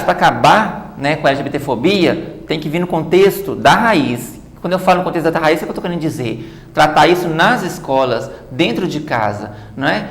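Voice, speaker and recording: A woman's voice: deep voice, reverberant. A woman guest in a TV studio interview, explaining at length and often adding "né" tags. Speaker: guest author and activist.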